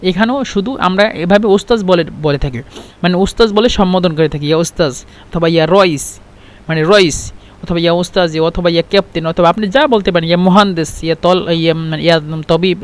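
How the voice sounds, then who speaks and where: Man, high-pitched voice, Bangladeshi Bengali accent, teaching tone, restarts and repeats phrases. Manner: explains slowly with many restarts and fillers, repeats example phrases. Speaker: Arabic teacher. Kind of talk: spoken language lesson.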